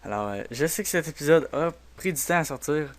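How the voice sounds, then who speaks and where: A man with a Québécois French accent hosting a software tutorial, talking quietly and hesitantly with many fillers. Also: fairly high pitch, animated, fairly quick. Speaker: tutorial host. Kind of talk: screen-recorded software tutorial.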